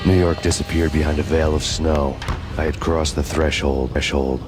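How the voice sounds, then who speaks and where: A bitter, hardboiled former cop narrates his revenge in a noir voice-over, brooding and deadpan in an extremely deep voice that barely shifts in pitch. He speaks at normal speed with a grim mood, over a loud musical score.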